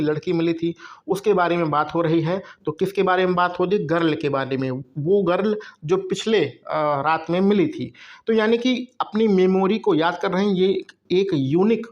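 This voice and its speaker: A man's voice: high voice, muffled recording. A man teaching exam preparation in a recorded video lecture, explaining step by step, spelling words out letter by letter and checking in often with the viewers. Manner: frequent "theek hai" check-ins, addresses viewers as bhaiya.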